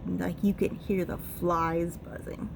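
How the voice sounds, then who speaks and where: A woman's voice: fairly low pitch, measured pace, gravelly, noisy background. Woman telling a rambling family story. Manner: relaxed, rambling storytelling with repeated "and"s.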